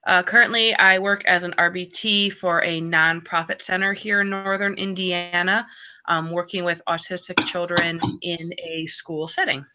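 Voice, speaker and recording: A woman's voice: fairly low pitch, little pitch movement, moderate pace, pushed and bright, slight background noise. A woman in her thirties introducing herself casually as a student on a video call. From United States. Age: 30s. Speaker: student presenter. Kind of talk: self-introduction.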